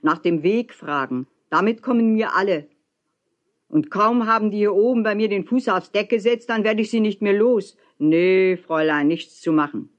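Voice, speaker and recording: A woman voicing a stubborn, loud old bargeman who talks in a blunt, grumbling way. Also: medium pitch, moderate pace, lightly acted. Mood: gruff.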